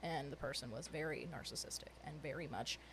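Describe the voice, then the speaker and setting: A woman's voice: low voice, fast talker, a little hiss or hum. A woman talking casually and reflectively, repeating phrases to stress her points. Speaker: podcast participant. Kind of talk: casual personal podcast conversation.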